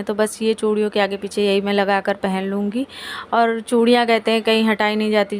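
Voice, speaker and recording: Soft-spoken woman narrating a home vlog. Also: slight background noise. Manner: soft, lowered voice so as not to wake a sleeping child. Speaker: vlogger. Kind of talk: casual vlog voice-over.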